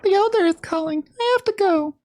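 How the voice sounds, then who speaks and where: A woman voicing a gentle young girl from a video game, soft and sweet. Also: very high voice, brisk, voice pushed up. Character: gentle young girl protected by a flower spirit.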